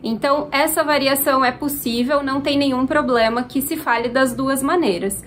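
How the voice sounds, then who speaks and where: A woman from Brazil with a Minas Gerais accent, explaining Portuguese grammar clearly as a teacher answering viewer questions. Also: high-pitched, moderate pace, slight background noise.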